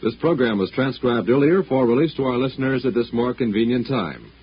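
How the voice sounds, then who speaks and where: A man reading formal network announcements in a measured voice, heard as an old radio broadcast transcribed on disc. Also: medium pitch, lively intonation, highs cut off. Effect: old broadcast disc sound.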